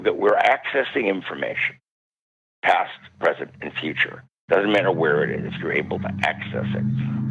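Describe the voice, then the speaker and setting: An older man, a parapsychologist, telling a story on a radio interview and acting out the voices of the people in it. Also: slightly rough. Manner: acts out quoted voices, swoops high when excited. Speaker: parapsychologist guest. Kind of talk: animated storytelling. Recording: dull lo-fi radio interview audio.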